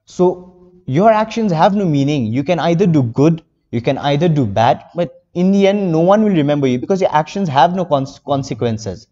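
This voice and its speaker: A man's voice: fairly high pitch, animated, normal speed, dark tone, long reverb tail, muffled recording. A teenage boy from India speaking earnestly as an interview guest, rambling with many fillers. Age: teens. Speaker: interview guest, young novelist. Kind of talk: casual interview.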